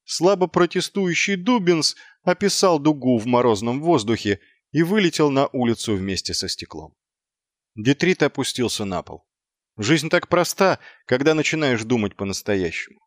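A man narrating an audiobook with expressive storytelling. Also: medium pitch, moderate pace, no echo, studio quality.

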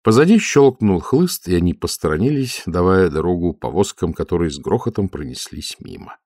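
A man narrating an audiobook in a calm, even storytelling manner. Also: low-pitched, fairly quick, no echo, clean studio sound. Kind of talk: scripted narration.

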